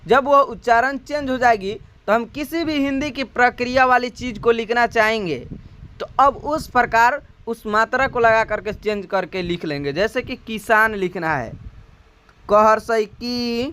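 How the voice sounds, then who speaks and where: A man with a Hindi accent teaching the Hindi syllable chart in a slow classroom manner, drawing out each sound and asking rhetorical questions. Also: very high-pitched, pushed and bright, smooth. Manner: drawn-out spoken syllables, repeated rhetorical questions.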